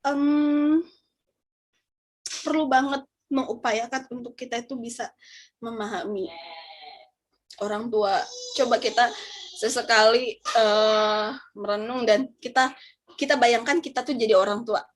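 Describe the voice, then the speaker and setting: Young woman, high voice, speaking at a faith-based sharing session; chatty, talks straight to the audience, emotional and heartfelt. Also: steady tone, a little slow, long pauses. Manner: emotional, gets choked up and apologizes; chatty, addresses listeners directly. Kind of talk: heartfelt casual talk.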